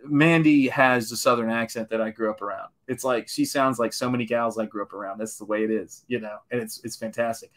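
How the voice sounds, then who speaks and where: A man from Tennessee giving a gentle, encouraging painting lesson on a live stream, often dropping to a hushed whisper. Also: medium pitch, fairly even intonation, brisk, few pauses. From Tennessee, USA. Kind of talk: soothing painting-show patter, live stream.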